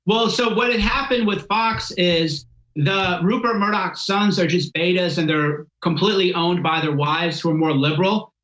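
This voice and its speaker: A man's voice: sits high, normal speed, fairly bright tone, reverberant, poor audio. A man giving assertive, opinionated takes on a political talk show.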